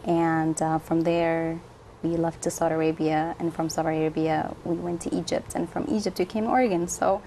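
A young woman from Somalia talks on a lapel mic in a dark studio, her voice sitting fairly low for a woman. She answers questions in a friendly way, laughing often and filling gaps with ums. A faint hiss runs underneath. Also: little pitch movement, a little fast. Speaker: guest. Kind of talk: casual interview answers. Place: dark television studio, indoors.

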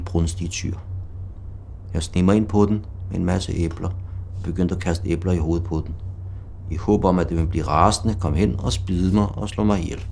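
A middle-aged man telling his own life story in a slow, blunt, confessional way, with bursts of swearing. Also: sits low, creaky, dark tone, a little hiss or hum. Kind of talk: personal testimony narration. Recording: music playing behind.

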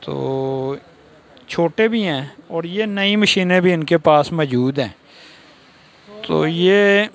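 A man in his thirties with a Pakistani Urdu accent, filming a casual walking tour of a tool shop and asking about prices. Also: fairly high pitch. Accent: Pakistani Punjabi-inflected Urdu. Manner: casual, points things out and asks prices. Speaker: vlogger. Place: indoor tool shop in a market.

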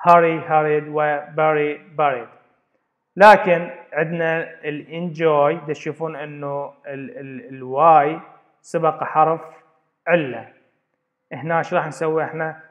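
A man's voice: a little high, flat delivery, a little slow. A man teaching an English grammar lesson, explaining step by step and repeating words as he goes. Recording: dull lo-fi recording.

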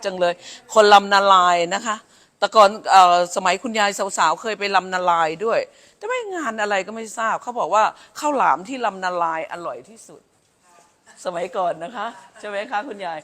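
A woman's voice: medium pitch, normal speed, a bit bright. Woman from Thailand, school director, effusive and repetitive in her greetings. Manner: effusive, repeats phrases. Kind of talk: welcoming a grandmother on camera.

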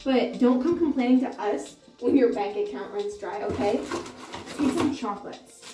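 A woman's voice: on the high side, normal speed. A young woman lecturing a roommate in a scolding, preachy way during a comedy skit. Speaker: college roommate. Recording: echoey room, from far off, music behind.

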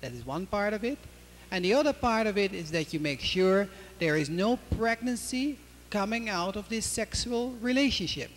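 Frank doctor, a man with a high voice. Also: expressive, moderate pace, slight background noise. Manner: frank, plain-spoken, instructive. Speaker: doctor answering audience questions. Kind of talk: explaining to a studio audience. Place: indoor TV studio with seated audience. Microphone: handheld mic.

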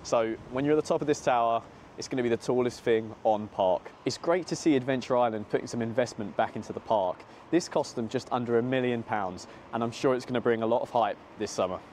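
This British theme park vlog host, in his twenties, talks fast in a medium-pitched, slightly mellow voice, and there's a little hiss or hum. He presents an update to camera outdoors near a seaside amusement park, using a small clip-on jacket mic and filmed at arm's length.

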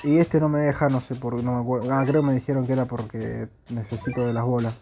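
Over soft background music, a young Argentine man speaks fast in a mellow, medium-pitched voice with flat delivery. The gaming YouTuber gives gameplay commentary laced with jokes and crude slang in an Argentine Spanish accent.

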